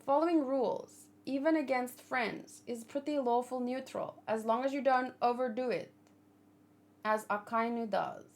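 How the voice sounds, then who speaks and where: A woman with a slightly high voice talks at a moderate pace. She is the host of a manga read-along channel, and her commentary is informal and meandering, with plenty of self-questioning as she thinks out loud.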